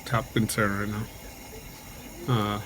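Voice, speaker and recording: A man chatting casually to camera in a halting, low-key way, his mouth numb, dry and stiff after jaw surgery. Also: level tone. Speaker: vlogger, patient recovering from jaw surgery. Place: hospital room. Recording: clear background noise throughout.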